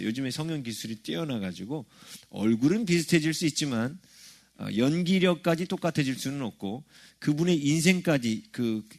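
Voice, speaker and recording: A middle-aged male pastor preaching a sermon in a conversational way, often checking in with the congregation through rhetorical questions. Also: fairly high pitch. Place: church sanctuary.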